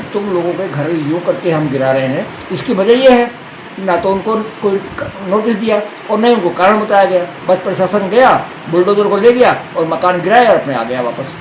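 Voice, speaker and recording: A man, a party official making a formal, earnest protest statement to a reporter. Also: high voice. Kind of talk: speaking to a reporter. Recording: echoey room with noise.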